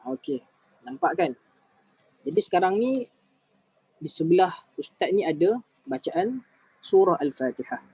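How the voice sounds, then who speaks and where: Patient Malaysian ustaz, slow and dry. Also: male voice, high-pitched, sing-song, a little mellow, breathy edge, no echo, muffled recording. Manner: patient, recites verses very slowly and drawn out. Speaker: Quran recitation teacher. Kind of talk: online tajwid lesson.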